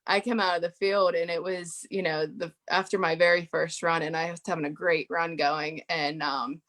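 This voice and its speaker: A woman's voice: fairly low pitch, little pitch movement, moderate pace, a bit bright. A woman guest on an interview show, telling stories in a chatty way with many "you know" fillers. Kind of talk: casual podcast interview.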